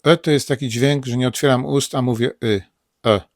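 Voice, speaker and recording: A man with a Polish accent teaching English pronunciation in a casual spoken lesson, saying words over and over slowly. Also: medium pitch, fairly even intonation, no room sound, clean studio sound. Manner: repeats words slowly, drilling them aloud.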